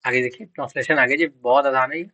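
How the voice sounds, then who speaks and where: A man's voice: medium pitch, steady tone, fast talker, pushed and bright, dry recording, rough recording. A man teaching English grammar for exam prep. He quizzes students, answers his own questions and spells out words letter by letter.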